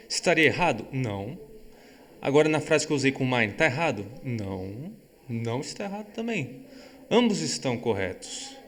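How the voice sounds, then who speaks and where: A man's voice: a little high, a little hiss or hum. Patient man teaching English grammar. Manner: patient, repeats key words, checks understanding often; reads English example sentences slowly and carefully. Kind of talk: online grammar lesson.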